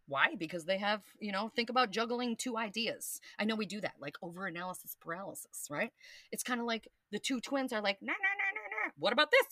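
A woman's voice: mid-range voice, pushed and bright, no echo. A woman hosting a podcast, talking casually and animatedly about astrology, with playful swearing and silly sound effects. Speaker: podcast host.

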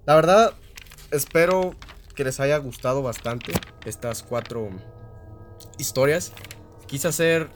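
A man's voice: medium pitch, slow pace, long pauses, background noise. Man narrating a spooky story on radio. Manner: dramatic, repetitive narration with fillers. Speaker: radio show host.

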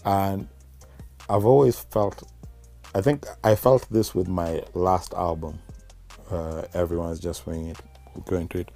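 A man's voice: sits low, steady tone, unhurried, pauses often, mellow, faint music behind. A man with a Kenyan accent talking casually and reflectively as a guest musician in an interview.

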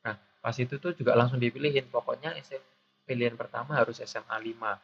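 A man's voice: steady tone, fast talker. Young man with a pinched voice. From Surabaya, Indonesia. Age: 20s. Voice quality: pinched, shrill voice. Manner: self-deprecating, joking, informal. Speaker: guest host interviewing the podcast's founder. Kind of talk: casual podcast chat. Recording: dull lo-fi audio with clear background noise.

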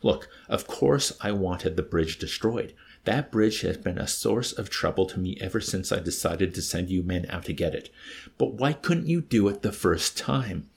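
A man's voice: low voice, expressive, normal speed, creaky, breathy edge, heavily acted. A man reading aloud and voicing a flustered, anxious male air force colonel who frets and snaps. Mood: exasperated.

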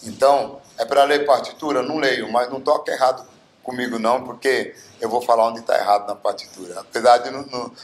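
A man's voice: mid-range voice, fairly even intonation, fast. Older man in a roomy studio. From Bauru, Brazil. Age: 70s. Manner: rambling, many fillers like "né". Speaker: guest singer. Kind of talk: casual interview storytelling. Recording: roomy echo.

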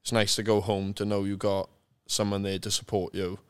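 A man's voice: on the low side, level tone, moderate pace, smooth. A man with a South Welsh accent chatting casually and candidly as a podcast guest, telling stories in an informal, sweary, matter-of-fact way. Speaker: interview guest, retired rugby player.

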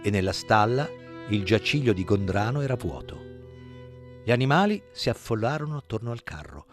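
A man narrating an audiobook in a dramatic, measured way. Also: fairly low pitch, big pitch swings, soft background music. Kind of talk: scripted narration.

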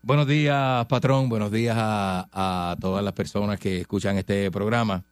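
A man's voice: on the low side, fairly even intonation, moderate pace, clean tone, no room sound. A middle-aged man with a Puerto Rican accent hosting a radio show in casual, emphatic banter, full of rhetorical questions.

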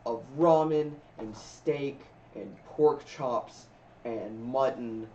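A man's voice: mid-range voice, very slow, dark tone, a little hiss or hum. A man narrating a tabletop game as game master, in a casual, rambling way. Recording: roomy, distant, dull recording.

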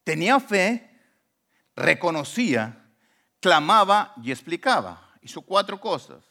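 Expressive pastor preaching. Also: male voice, a little slow. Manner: swings between soft, low asides and raised emphatic lines; retells scripture with acted quotations. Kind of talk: sermon. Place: church.

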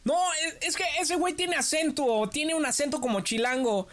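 Young man, lively storyteller. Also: extremely high pitch, moderate pace. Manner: lively storytelling, acts out quoted voices. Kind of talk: casual chat.

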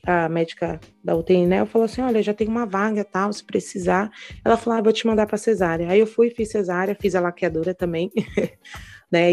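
A young Brazilian woman recounting a hard hospital birth in casual conversation, animated and indignant, peppering her talk with "né". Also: medium pitch. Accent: Brazilian Portuguese. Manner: animated, indignant retelling with many "né". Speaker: guest telling her birth story.

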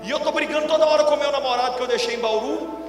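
A middle-aged man from Brazil, a pastor preaching a sermon through a long story, going from loud bursts to hushed lines. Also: extremely high pitch, racing. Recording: music and long reverb in a big hall.

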